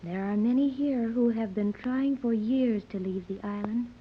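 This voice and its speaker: Through narrow, tinny audio comes a fairly high, husky female voice at a moderate pace. The performer portrays a serious, precocious girl of fifteen from a 1930s radio serial, choosing formal, bookish words with great precision in a grave mood.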